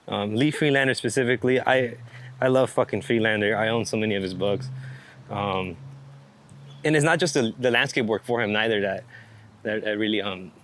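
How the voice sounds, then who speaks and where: His voice is mid-range with a fairly bright tone. In this casual, unscripted interview, the man, a street and landscape photographer, rambles eagerly, speaking in slang and swearing plenty. The sound is clear but carries background noise and outdoor ambience.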